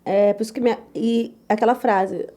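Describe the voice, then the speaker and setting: A young woman chef telling her story in an interview, lively and loud, acting out the voices of others. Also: a little high, normal speed. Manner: lively, acts out quoted voices, repeats "tal, tal"; says she talks loud and gruff. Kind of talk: animated personal storytelling.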